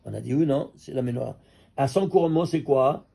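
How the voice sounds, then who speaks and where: A man teaching a Torah class as a rabbi, an animated teacher who keeps quizzing his listeners. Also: medium pitch, creaky, slightly rough. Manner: lively teacher quizzing listeners with quick questions. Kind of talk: Torah class on number mysticism.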